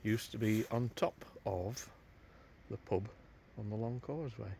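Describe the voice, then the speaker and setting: Slow-talking man guiding a moorland hike. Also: on the low side, vocal fry, darkish tone, low-quality recording. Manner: chatty, laughs easily, gives directions to viewers. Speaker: hiking vlogger and guide. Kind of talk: casual walking commentary with narrated history. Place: outdoors on a windy open moor. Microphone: camera mic carried while walking. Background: wind and backing music.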